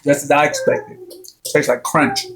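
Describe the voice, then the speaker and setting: A man's voice: a little high, huge pitch swings, unhurried. A man hosting a casual cooking vlog in a home kitchen, laid-back and calling his viewers y'all. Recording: noisy home recording.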